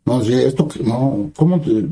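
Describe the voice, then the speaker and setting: A man's voice: mid-range voice, normal speed, warm tone, breathy edge, rough recording. A man preaching a sermon who reads scripture aloud and then explains it in plain conversational words, often asking the listeners brief questions.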